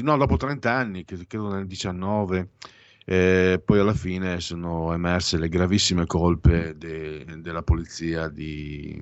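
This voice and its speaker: A man's voice: low voice, vocal fry, no room sound, highs cut off. A man hosting a daily anniversaries segment, talking in a digressive way with frequent restarts, self-corrections and ironic asides. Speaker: radio or podcast host reading daily anniversaries. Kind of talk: casual spoken commentary with opinions.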